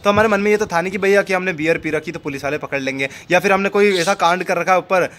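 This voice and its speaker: Fast-talking young man telling a story. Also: sits high, fairly bright tone. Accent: Rajasthani Hindi. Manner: chatty, repeats phrases, acts out quoted people. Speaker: storyteller vlogger. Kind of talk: casual spoken storytelling.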